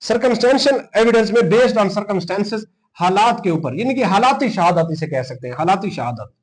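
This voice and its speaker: Expressive and high-pitched, a Pakistani-accented man teaches a law exam-prep class at a moderate pace. He explains casually, dictates notes, and repeats key terms, mixing English legal jargon into his Urdu.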